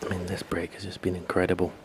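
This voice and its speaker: A man working as an expert snooker commentator, speaking in a hushed, restrained way. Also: sits low, completely flat delivery, fast. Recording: faint hall noise. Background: faint noise, ball clicks.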